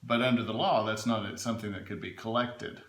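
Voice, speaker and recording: A man's voice: lowish voice, steady tone, brisk, a bit bright. A man giving informal, explanatory advice in an interview, speaking emphatically and often checking that he is understood. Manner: emphatic, checks in with "right?" and "okay?". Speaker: legal adviser being interviewed. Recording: echoey room.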